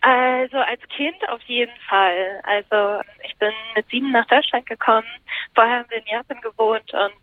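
A woman's voice: fairly high pitch, steady tone, normal speed. A woman journalist answering interview questions in a thoughtful way, searching for her words as she talks. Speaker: journalist and columnist, interview guest. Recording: tinny phone line.

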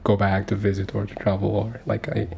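A man's voice: fairly low pitch, monotone, a little fast, gravelly, mellow, a little hiss or hum. A man in his thirties from Sudan, speaking as a guest on a community radio interview, earnest and hesitant with many fillers and restarts. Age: 30s.

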